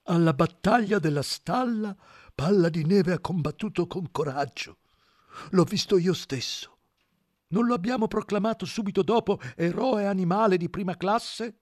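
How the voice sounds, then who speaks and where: A man voicing a big, slow-witted and loyal male workhorse who speaks earnestly. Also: high voice, a little mellow, no room sound, studio quality, voice pushed up, natural voice. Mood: doubtful.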